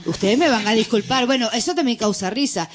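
A woman with a fairly high voice tells a joke to a small group in a relaxed chat. She laughs at her own punchline and plays the old man in her story with a lifted, quicker voice. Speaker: group participant.

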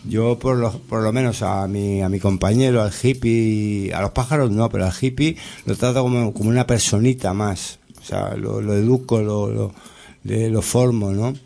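Gravelly, rambling man telling stories. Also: on the low side, steady tone, mellow. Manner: rambling, halting, with many restarts and tag questions. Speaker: interviewee. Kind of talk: casual storytelling.

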